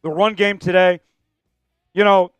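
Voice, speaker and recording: A man's voice: high-pitched, fairly even intonation, unhurried, fairly bright tone, smooth, no room sound, soft background music. A man hosting a casual live-stream sports show, talking energetically and rambling straight to his viewers.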